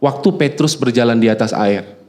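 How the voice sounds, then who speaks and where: A middle-aged male pastor preaching a lively sermon, swinging from quiet musing to loud urging and acting out chatty dialogues. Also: normal speed. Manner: animated, swings from low musing to loud exhortation; acts out dialogues with God in a chatty tone.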